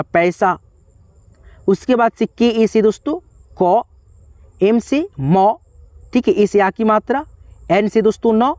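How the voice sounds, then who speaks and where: A man with a high-pitched, darkish voice teaches an online whiteboard lesson, patiently and repetitively spelling out words piece by piece. He often calls his viewers friends, and the recording is dry.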